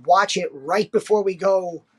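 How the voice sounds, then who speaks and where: A man's voice: high voice, a little slow, slightly rough. A man co-hosting a casual review podcast, talking in a hesitant, enthusiastic way with many fillers. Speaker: podcast co-host.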